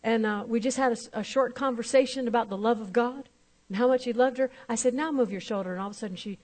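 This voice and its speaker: Woman minister, sermon testimony, lively retelling of a conversation. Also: on the high side, quick pace. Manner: storytelling, acting out both sides of conversations.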